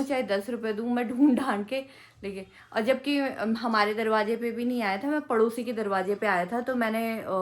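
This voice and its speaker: A woman vlogging casually, telling a story in a chatty, indignant way with many fillers and restarts, with a hill-village Garhwali touch to her Hindi. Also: mid-range voice. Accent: Hindi with Garhwali hill-village roots.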